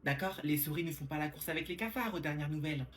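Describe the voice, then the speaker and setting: A woman performing a comedic sketch in a sassy, quick manner, switching between characters. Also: deep voice. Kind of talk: comedic POV sketch, playing several characters. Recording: echoey room with noise behind.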